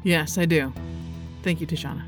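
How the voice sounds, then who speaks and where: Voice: mid-range voice, steady tone, normal speed, voice pushed up, lightly acted. Earnest young warrior girl, narrator putting her on, music playing behind. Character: young woman warrior poet, determined but apologetic.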